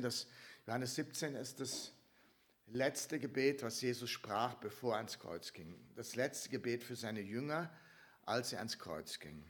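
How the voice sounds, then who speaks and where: A man preaching a sermon, moving between hushed, nearly whispered passages and loud, emphatic declarations. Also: lowish voice, breathy edge. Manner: dynamic, swings from soft near-whisper to loud emphatic preaching.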